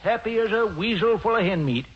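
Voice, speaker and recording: A muffled old radio recording with light hiss carries a dry old country fellow. His high voice has a rural New England accent. He is terse, folksy and deadpan, in 1940s radio comedy style. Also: brisk.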